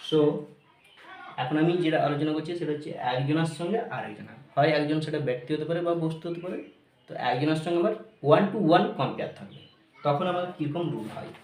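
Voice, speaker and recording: Man, grammar teacher, repeats points, mixes in English, slightly high voice, roomy echo. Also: expressive, a little fast, a little mellow. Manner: mixes English phrases into Bengali, repeats points, checks "clear?". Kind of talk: explaining a grammar lesson.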